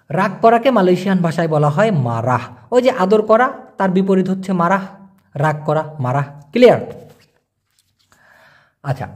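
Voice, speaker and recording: A young man with a high, light voice gives a casual language lesson. He explains each word patiently and repeats it slowly, checking in with his listener as he goes. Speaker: language teacher.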